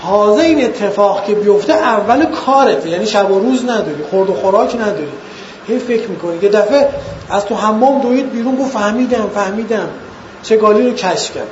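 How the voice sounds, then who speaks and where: A man lecturing students in an earnest way, asking rhetorical questions and slowing down to stress points. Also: sits high, expressive, slight background noise. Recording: echoey, dull lo-fi room recording.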